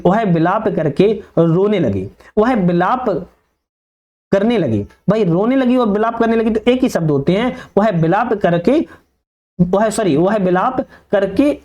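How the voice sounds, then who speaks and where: A man, a coaching teacher going through test answers, repeating each answer as a quick question and calling viewers brother. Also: high-pitched, darkish tone, lo-fi sound.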